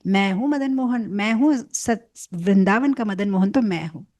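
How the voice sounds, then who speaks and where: A woman's voice: mid-range voice, normal speed, darkish tone, natural voice. A woman voicing a cheeky young priest boy who boasts and teases in a playful voice. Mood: boastful. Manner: boastful, teasing.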